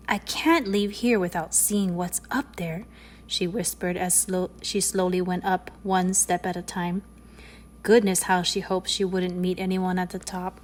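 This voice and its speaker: A woman reading a children's storybook aloud, expressive and slowing down on key phrases. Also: on the low side. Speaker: storybook reader. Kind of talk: storybook read-aloud narration.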